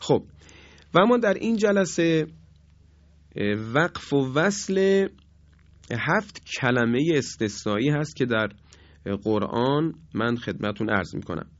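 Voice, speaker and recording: A man teaches Quran recitation in a measured radio lesson, pausing on hesitations and stretching out each example word as he recites it. His voice sits at a middling pitch. The recording sounds dull and dry, like an old studio broadcast. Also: animated, dry recording.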